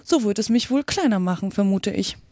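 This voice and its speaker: A woman's voice: mid-range voice, expressive, brisk, dark tone, no room sound, clean studio sound, lightly acted. A woman voicing a curious, plucky young girl who talks earnestly to herself in a storybook reading.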